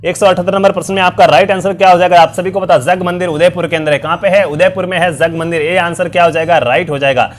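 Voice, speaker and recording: Fast and nearly pause-free, a young man's high, steady voice carries through a live online quiz session for exam prep. He upbeatly quizzes the students again and again with frequent fillers, his voice strained and worn down by sickness and long talking.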